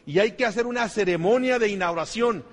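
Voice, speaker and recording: A man's voice: sits high, fast. A man gives a motivational business talk, repeating himself and asking the crowd rhetorical questions. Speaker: network marketing trainer. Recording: long hall reverb.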